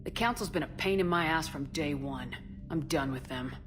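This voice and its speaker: A woman's voice: deep voice, normal speed, over music, close to an everyday voice. An actress playing a tough, decisive female military commander in a video game, speaking bluntly and with composure. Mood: blunt, resolute. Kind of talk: video game character dialogue.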